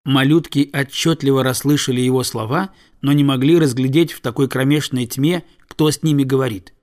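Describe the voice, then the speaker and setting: A man reading a storybook aloud with calm, measured narration. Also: mid-range voice. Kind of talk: audiobook narration.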